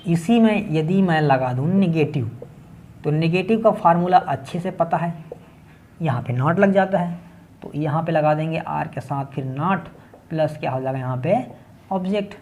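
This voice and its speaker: A man's voice: a little high, moderate pace, a little mellow, slight background noise. A man from Chhattisgarh teaching English grammar in Hindi with a local accent, explaining step by step and often checking in with his class. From Chhattisgarh, India. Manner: step-by-step, keeps checking in with "ठीक है". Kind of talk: classroom grammar lesson at a board.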